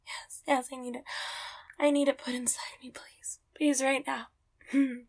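Woman, high voice, whispery and husky, slow and drawn-out, gravelly edges. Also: level tone. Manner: soft, breathy, close whispering with soft laughs. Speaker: audio roleplay performer. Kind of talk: intimate whispered roleplay.

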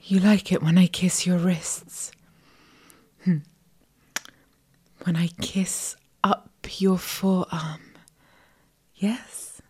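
A woman performing a whispered intimate audio roleplay for the listener, coaxing and giving gentle commands. She whispers breathily into a close microphone. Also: lowish voice, fairly even intonation, slightly rough. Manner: slow, soft, coaxing and commanding.

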